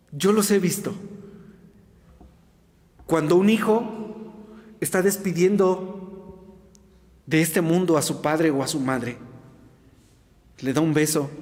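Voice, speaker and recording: Male pastor, high voice, dramatic retelling, boomy church echo; long reverb tail. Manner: dramatic storytelling, pace swings between rushed and drawn out. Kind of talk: sermon. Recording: echoey hall with long reverb.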